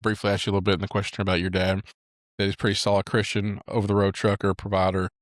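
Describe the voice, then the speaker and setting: A male podcast host asks a guest long questions and wanders as he searches for the wording. His voice sits low, and the recording is dry and close. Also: little pitch movement, rapid-fire, no room sound. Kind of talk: interview questions.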